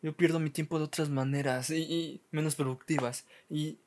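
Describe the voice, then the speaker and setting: A man's voice: on the high side, fairly even intonation, normal speed, darkish tone. A young man with a Mexican accent telling comic childhood stories on his podcast, swearing freely and often stumbling over repeated words. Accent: Mexican Spanish. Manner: profane, self-mocking, stumbling repeats. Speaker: podcast host. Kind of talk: casual comic storytelling.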